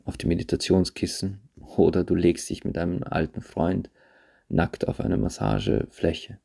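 A man hosting a podcast, talking reflectively to his listeners in a halting way and often repeating himself. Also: low-pitched, creaky, mellow, husky. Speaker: podcast host. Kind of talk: personal monologue to listeners. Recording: handheld phone, voice drifts off-mic at times.

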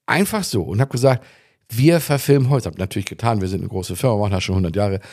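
A middle-aged man chatting casually on a podcast, telling lively stories and acting out other people in quotes. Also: sits low, racing. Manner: animated anecdotes, voices others in quotes. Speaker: podcast guest. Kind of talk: casual storytelling chat.

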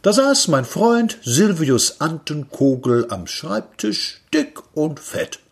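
A man reading a literary story aloud in a wry, lively storytelling manner. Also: a little high, slow, creaky, husky. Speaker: reader.

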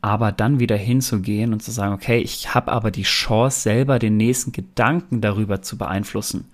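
Male co-host, lowish voice, earnest and conversational motivational advice, explained through examples. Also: fairly even intonation, a little fast. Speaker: podcast co-host.

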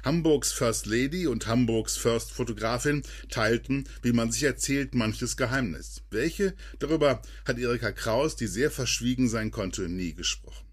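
A man reading a scripted podcast story as narrator, in a lively storytelling manner. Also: moderate pace, few pauses, breathy edge. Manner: lively storytelling read with dramatic drops in pitch.

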